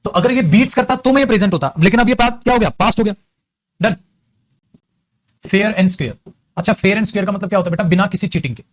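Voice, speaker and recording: During a classroom lesson, a male English teacher with an Indian accent and a voice that sits high coaxes his students along. He repeats example sentences slowly.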